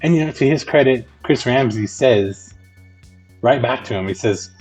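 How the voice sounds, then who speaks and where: A man's voice: mid-range voice, normal speed, a little mellow, soft background music. A man hosting a podcast, giving casual rambling commentary full of "like" fillers. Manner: rambling, conversational, with frequent "like" fillers. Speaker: podcast host.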